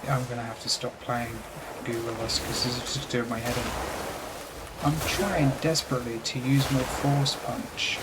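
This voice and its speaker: A man's voice: mid-range voice, fairly even intonation, normal speed, very noisy. A frustrated man giving gameplay commentary at his computer, swearing constantly and talking to himself. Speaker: let's play gamer.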